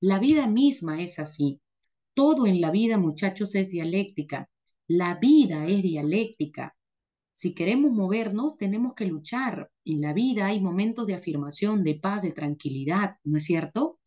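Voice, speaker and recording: A woman teacher lectures emphatically, hammering each point through repetition and rhetorical questions. Her voice is mellow and dark-toned, in a mid register. The recording is dull and lo-fi. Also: mid-range voice, expressive, moderate pace. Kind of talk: motivational lecture.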